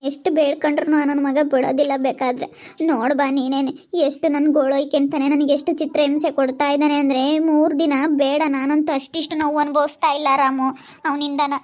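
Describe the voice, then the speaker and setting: A woman's voice: high voice, little pitch movement, quick pace, a little mellow, dull audio, close to an everyday voice. A woman playing a young married wife who pleads with and curses her brother-in-law in an amateur village drama. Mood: bitter. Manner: pleading, then cursing angrily.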